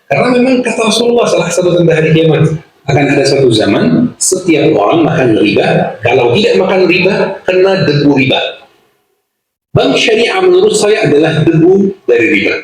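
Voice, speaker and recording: A man's voice: fairly high pitch, expressive, fairly quick, background noise. A man giving a religious lecture, earnest and emphatic, often repeating his key words. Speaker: preacher. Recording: echoey hall.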